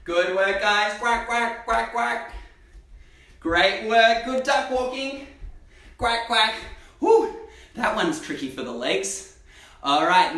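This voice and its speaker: A man's voice: fairly high pitch, bright, forceful tone. A man coaching a children's gymnastics class in a live stream, cheering the kids on with upbeat encouragement, heard from across a gym. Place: gym hall. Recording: roomy echo, distant from mic.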